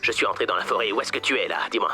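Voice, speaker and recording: A worried young father in a dubbed television drama, talking quickly with a bright, tense tone. His lines are insistent. Faint music sits underneath. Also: lowish voice, animated. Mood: anxious. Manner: quick, pressing. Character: anxious young father rushing to save his daughter. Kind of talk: French dub of a TV drama. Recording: soft music under dialogue.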